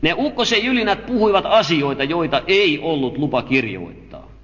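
A man teaching a sermon, reading scripture aloud and explaining it in a measured way. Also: fairly high pitch, very animated, fairly bright tone. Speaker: preacher. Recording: dull lo-fi audio with long hall reverb.

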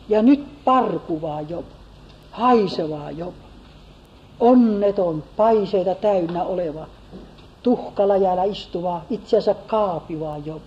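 A woman preaching a sermon in an earnest manner, swinging between forceful and hushed emphasis. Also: mid-range voice. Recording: slightly dull lo-fi recording.

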